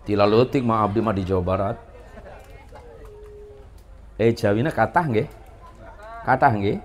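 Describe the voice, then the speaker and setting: A man's voice: on the low side, unhurried. A man preaching to a live audience, telling funny stories and joking with listeners before building into emphatic exhortation. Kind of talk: humorous storytelling sermon to a live audience.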